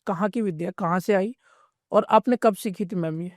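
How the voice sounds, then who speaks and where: A woman's voice: medium pitch, normal speed, darkish tone, no room sound, clean studio sound. Woman host asking brief questions. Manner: short prompts and polite acknowledgements. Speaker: podcast host. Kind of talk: interviewing.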